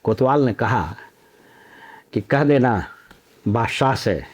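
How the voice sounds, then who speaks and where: A man's voice: mid-range voice, expressive. A middle-aged man from Bihar, a former civil servant giving storytelling commentary full of proverbs and anecdotes. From Nalanda district, Bihar. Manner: anecdotal, uses proverbs, measured.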